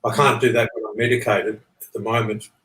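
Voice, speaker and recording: A man's voice: lowish voice, fairly even intonation, brisk, fairly bright tone. A man being interviewed, explaining his ideas in a rambling, earnest, conversational way, often repeating points and checking he is followed. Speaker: interview guest. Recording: echoey, roomy sound.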